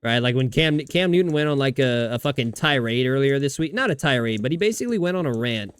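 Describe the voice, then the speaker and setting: A man's voice: medium pitch, expressive, quick pace, clean tone. A man streaming a video game, chatting casually with viewers in a rambling way, swearing often and restarting his sentences. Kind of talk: casual livestream chat while gaming.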